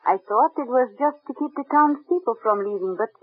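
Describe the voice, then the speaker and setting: A woman's voice: a little high, expressive, fairly quick. Older French widow, motherly, kindly, old radio drama, narrow tinny band. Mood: hushed, earnest. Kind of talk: old-time radio acting.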